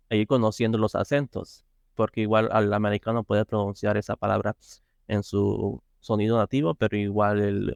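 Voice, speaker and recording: Hesitant man, low smooth voice. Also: darkish tone, dry recording, studio quality. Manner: hesitant, many fillers and restarts. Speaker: interview guest, software tester. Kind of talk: casual interview.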